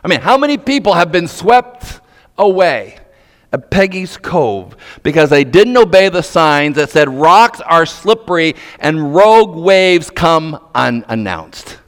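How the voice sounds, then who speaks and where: A man from Nova Scotia preaches a sermon, dramatically moving between hushed questions and loud, emphatic points. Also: a little high, big pitch swings, a little slow. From Nova Scotia, Canada. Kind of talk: sermon to men, storytelling with pointed rhetorical questions. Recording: reverberant hall.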